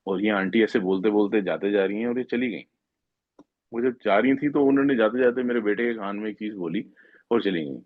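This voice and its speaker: A man's voice: fairly low pitch, fairly quick, no echo. A middle-aged man earnestly retelling a devotional story at a satsang, acting out what people said and slipping into English now and then. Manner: earnest retelling that acts out quoted speech, mixing in English. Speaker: devotee sharing a testimony. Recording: tinny phone-like, dry sound.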